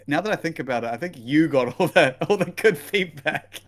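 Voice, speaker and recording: Podcast co-host, male, broad Kiwi accent, relaxed slangy delivery, casual fight-preview chat. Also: a little high, fairly quick. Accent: broad New Zealand. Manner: laid-back, slangy.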